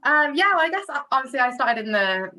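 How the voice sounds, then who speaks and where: A young woman with a Brummie accent tells stories from her bar days in a chatty way, slipping into quoted asides. Her voice is bright and forward. It is a casual group video chat. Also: high voice, very animated, fast, rough recording. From Birmingham, England. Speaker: former bar worker.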